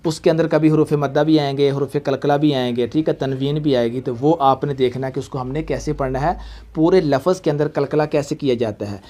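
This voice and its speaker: A man with a Pakistani Urdu accent teaching a Quran reading lesson, patiently spelling out sounds slowly and often checking that the student follows. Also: a little high, steady tone, mellow. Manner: patient, repeats checks like "okay?", slow drawn-out spelling for the child to echo. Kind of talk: recorded online reading lesson.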